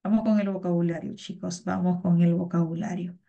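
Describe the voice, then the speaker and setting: A woman's voice: lowish voice, fairly even intonation, fairly quick, vocal fry, mellow, muffled recording. A woman teaching an online class over a video call, patient and encouraging, often repeating her words.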